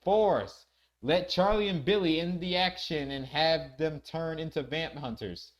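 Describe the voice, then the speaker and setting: A man's voice: fairly high pitch, unhurried. A man chatting playfully as he reacts to a video. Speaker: reaction host. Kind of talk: casual reaction commentary.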